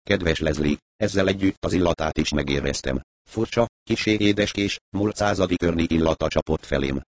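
A man reading a first-person mystery story aloud, in measured storytelling narration. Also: low voice, no room sound. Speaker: audiobook narrator.

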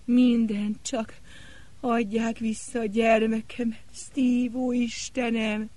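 A man's voice: extremely high pitch, little pitch movement, darkish tone, voice pushed up. A man voicing a distraught young woman who whimpers and pleads in a broken voice. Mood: pleading.

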